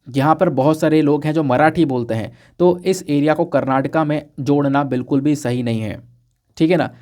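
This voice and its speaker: Warm-toned man teaching current affairs. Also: mid-range voice. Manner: conversational, poses questions to the viewer then answers them; repeats points and checks with "ठीक है ना?". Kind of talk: explanatory exam-prep lesson.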